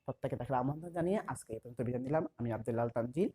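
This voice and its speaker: A man teaching a class, repeating key terms slowly as he writes them out. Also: mid-range voice, mellow, slightly rough. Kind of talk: explanatory class lesson.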